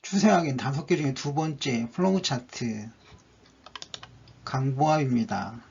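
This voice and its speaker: A man's voice: medium pitch, animated, a little slow, gravelly, darkish tone, slightly rough. A man narrating a stock chart analysis, going methodically through each indicator one by one, on a dull lo-fi recording.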